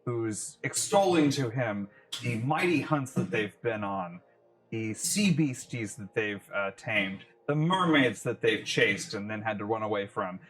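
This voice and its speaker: A man's voice: on the low side, expressive, measured pace, a bit bright. Male game master narrating a tabletop game, meandering delivery, echoey room. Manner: rambling, filler-heavy narration.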